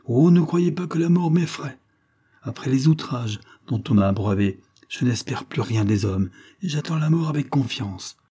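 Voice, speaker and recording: A man's voice: medium pitch, animated, moderate pace, dark tone, husky, pitched above the performer's own voice. A man reading the part of an accused young woman, speaking faintly and defiantly under strain. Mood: wounded defiance.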